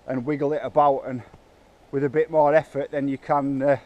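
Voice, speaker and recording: Out of breath, a man vlogs while working on a bike park trail in the woods, filming himself on a handheld camera. His voice is medium-pitched and level at a moderate pace, and the audio is narrow and tinny. He chats casually to himself as he works, hesitating a lot.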